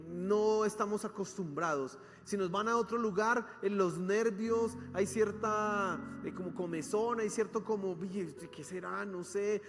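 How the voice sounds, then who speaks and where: A Colombian man preaching a sermon as pastor, with lively, dramatic delivery and questions thrown to the congregation. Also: high-pitched. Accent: Colombian Spanish. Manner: animated preaching, acting out cries and questions to the congregation. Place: church hall. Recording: long hall reverb with soft instrumental music. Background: soft instrumental music.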